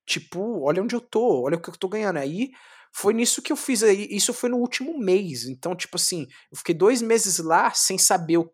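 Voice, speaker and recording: Husky, high-pitched and brisk, a young Brazilian man who works as a street clown recounts his life in a relaxed interview. He's animated and curses freely, reenacting his own past words.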